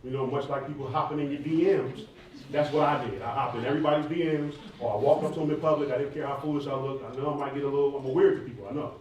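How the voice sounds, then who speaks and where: Racing along in a steady, slightly mellow medium-pitched voice, this hip hop artist and former college athlete from near Atlanta answers questions candidly and in slang. He's in a large, echoey indoor room at a live event, picked up by a distant mic with faint noise.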